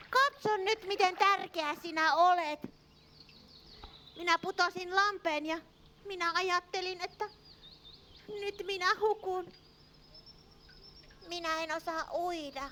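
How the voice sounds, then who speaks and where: A woman voicing an excitable, fretful little sheep in a church puppet show, full of small cries. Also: very high voice, slight background noise. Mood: grateful. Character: anxious clumsy little lost sheep, female. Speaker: puppet character.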